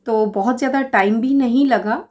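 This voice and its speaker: A woman's voice: a little high, moderate pace, darkish tone. A woman in her forties from India, explaining a home recipe step by step in a chatty voice-over with small fillers. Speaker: cooking vlogger.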